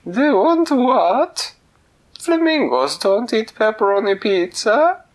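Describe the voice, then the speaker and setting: A man doing a shrill falsetto goose cook. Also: sing-song, slow, full character voice. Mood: chirpy. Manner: shrill falsetto, sing-song. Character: fussy high-voiced female goose cook.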